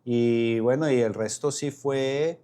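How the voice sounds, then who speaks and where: A man's voice: mid-range voice, takes it slowly, mellow. A man, a podcast guest telling his story with frequent restarts and repeated words. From Colombia. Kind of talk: casual interview conversation.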